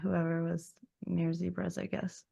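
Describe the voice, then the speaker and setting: A woman's voice: fairly low pitch, completely flat delivery, measured pace, gravelly, warm tone, breathy edge. A woman co-hosting a podcast in casual chat, laid-back, reading search results aloud and trailing off mid-thought. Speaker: podcast co-host.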